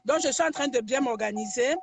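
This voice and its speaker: A woman calling in to a live stream and making brisk, businesslike announcements about orders. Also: a little high, over music. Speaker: caller taking product orders.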